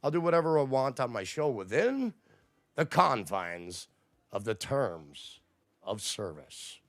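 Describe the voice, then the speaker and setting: A man's voice: medium pitch, very animated, slow, fairly bright tone, no room sound. A man hosting a livestream, ranting at his chat in a profane, combative way. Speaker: livestream host. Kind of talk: casual livestream rant to chat.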